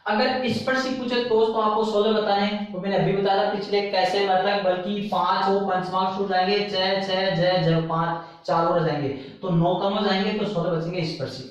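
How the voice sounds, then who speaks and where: A man's voice: high voice, flat delivery, normal speed, few pauses, heavy reverb, far from the mic, low-quality recording. A man teaching an exam-prep grammar lesson, repeating terms and counting items aloud.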